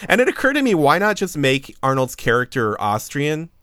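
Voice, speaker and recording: A man's voice: fairly high pitch, wildly swooping pitch, normal speed, a bit bright, dry recording, studio quality. A man co-hosting a podcast, recapping a film in casual chat with a wry, joking manner and frequent laughs. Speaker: podcast co-host. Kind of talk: casual movie-review chat.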